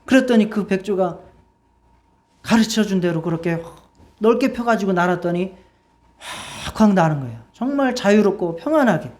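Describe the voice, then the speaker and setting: A woman's voice: mid-range voice, animated, moderate pace, a little mellow. A woman pastor preaching in church, telling a story and asking the congregation questions. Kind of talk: sermon with storytelling.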